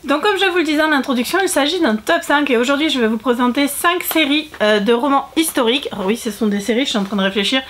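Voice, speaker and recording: Her voice sitting high, a woman book vlogger talks fast with few pauses in a casual chat to camera. She is talkative, using frequent fillers and restarting sentences to correct herself.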